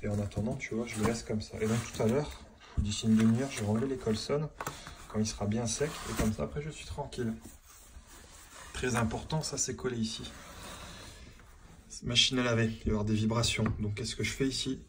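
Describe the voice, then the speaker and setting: Male tradesman, plumber type, mid-pitched, talking loosely to camera while he works, recorded on a handheld phone with clear site noise and clicks behind him. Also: fairly even intonation, a little fast. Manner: chatty and informal, keeps saying "tu vois" to the viewer. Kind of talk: casual on-the-job how-to. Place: indoor building site under renovation. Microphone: phone held in hand while working.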